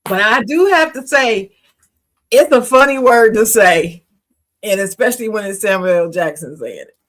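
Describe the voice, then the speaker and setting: A woman's voice: medium pitch, lively intonation, moderate pace, fairly bright tone. Woman podcast co-host, frank and opinionated, mid voice, laughs easily. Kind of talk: casual chat.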